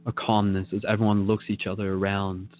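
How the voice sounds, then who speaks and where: A man leading a guided meditation in a slow, soothing manner, speaking to the listener in the second person. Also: fairly low pitch, completely flat delivery, phone-quality sound, soft background music.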